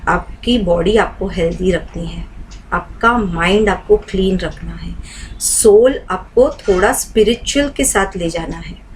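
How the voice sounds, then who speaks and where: A woman's voice: mid-range voice, unhurried, a little hiss or hum, rough recording. A woman teaching a live online meditation class. She keeps asking the class questions to walk them through her points. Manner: asks the class many rhetorical questions.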